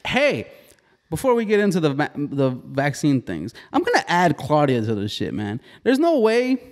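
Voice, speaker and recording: A man's voice: fairly high pitch, wildly swooping pitch, normal speed. A man hosting a casual podcast with friends, loose and profane, laughing often. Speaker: podcast host.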